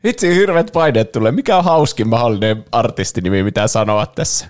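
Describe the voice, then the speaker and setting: A man's voice: mid-range voice, lively intonation. A tired man hosting a podcast, giggly and hesitant in casual chat. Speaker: podcast host.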